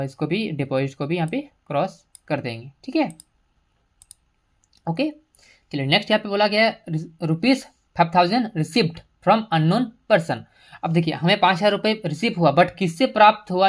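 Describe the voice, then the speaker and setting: Her voice low, a woman records her screen for a software tutorial and patiently goes through every entry in order. English terms are mixed into her speech, and you can hear her clicking as she goes.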